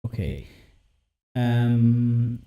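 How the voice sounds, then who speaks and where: A man's voice: mid-range voice, expressive, very slow, muffled recording. A man hosting a tabletop game stream as game master, talking loosely, swearing and laughing a lot. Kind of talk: casual stream intro.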